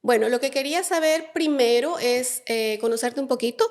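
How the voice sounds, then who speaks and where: A woman's voice: high-pitched, normal speed. A woman hosting a podcast, interviewing a guest in a friendly, chatty way. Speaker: podcast host. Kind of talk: casual interview.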